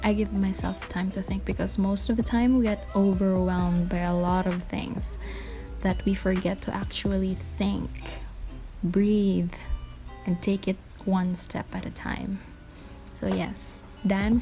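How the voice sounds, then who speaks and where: Mellow Filipino woman, dictaphone-recorded podcast. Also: medium pitch. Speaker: podcast and vlog host. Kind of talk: casual solo podcast Q&A. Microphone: handheld voice recorder, dictaphone. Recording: voice recorder with music behind. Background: music.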